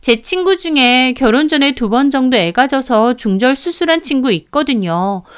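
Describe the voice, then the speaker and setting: A woman's voice: high-pitched, clear, resonant tone. A woman voicing a sly, needling young sister-in-law who speaks in a snide, taunting way.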